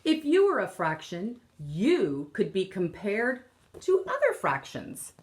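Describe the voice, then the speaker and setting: With a medium-pitched voice and huge swings in pitch, an elementary teacher in her thirties reads a picture book to kids from a room at home. Her delivery is deliberate and explanatory, emphasizing key words.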